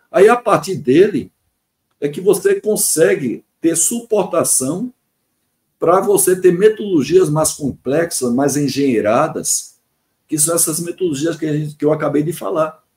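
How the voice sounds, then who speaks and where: Speaking with a fairly high, darkish voice, a Brazilian-accented engineering consultant aged 62 answers a podcast interviewer in a semi-formal, explanatory way. He is earnest, stressing his points by repeating them and running through lists.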